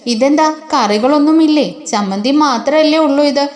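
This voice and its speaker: A woman's voice: high-pitched, moderate pace, a little mellow, lightly acted. A woman voicing an angry, rude young husband in a retold story, speaking bluntly and scornfully. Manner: blunt, scolding. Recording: roomy echo.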